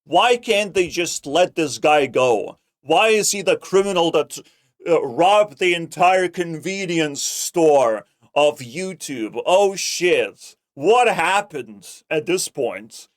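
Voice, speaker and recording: A man hosting a reaction video with casual, profane, mocking commentary and drawn-out emphasis. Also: fairly high pitch, lively intonation, no echo, studio quality.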